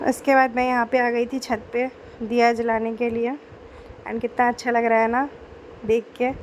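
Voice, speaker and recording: A young woman with a sore throat narrating a home vlog in a chatty, homely voice-over, speaking gently. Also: a little high, level tone, moderate pace, slight background noise. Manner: chatty, homely, mixes in English words. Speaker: vlogger.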